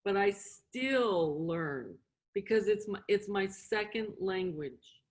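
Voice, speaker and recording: With lively intonation, a mid-range voice and a slow pace, a middle-aged woman teaches beginners informally as a sign language interpreter and instructor. English is her first language, and she breaks things into simple steps, repeats them, and asks questions to confirm understanding.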